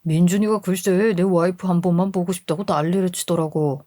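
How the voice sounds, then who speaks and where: A woman's voice: fairly low pitch, fairly even intonation, brisk, mellow, dry recording, studio quality, close to an everyday voice. A woman voicing a young husband who defends his wife against his mother in a radio story. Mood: pleading. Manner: pleading then indignant.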